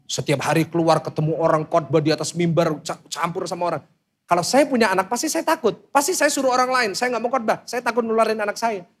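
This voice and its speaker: Husky preaching man, loud and lively. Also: a little high. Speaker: pastor. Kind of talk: sermon.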